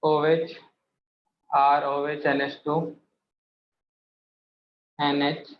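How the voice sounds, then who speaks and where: Male chemistry teacher, slightly high voice, quizzes the class; echoey room, dull lo-fi sound. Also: monotone, very slow. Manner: quizzes students, calls them beta. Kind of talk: classroom lecture. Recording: echoey room, muffled, faint hiss.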